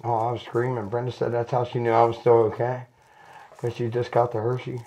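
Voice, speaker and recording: This medium-pitched, mellow male voice is brisk and completely flat in delivery. He's a middle-aged chiropractic patient in his 40s or 50s, lying down and rambling casually during treatment in a small indoor office, captured on a rough recording with noticeable background noise and clicks.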